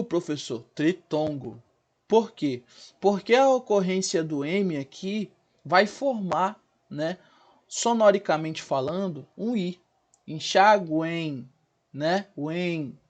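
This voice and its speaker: A male teacher, giving a recorded grammar lesson and sounding out words slowly, syllable by syllable, often checking in with his class. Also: fairly high pitch. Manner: checks in with the class, asking "né?" and "certo, gente?".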